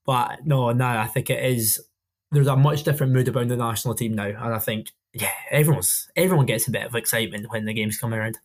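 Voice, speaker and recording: A young adult man with a Scottish Highland accent, chatting casually about sport in a colloquial, matey storytelling way as a podcast co-host. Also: fast talker. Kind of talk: casual football chat.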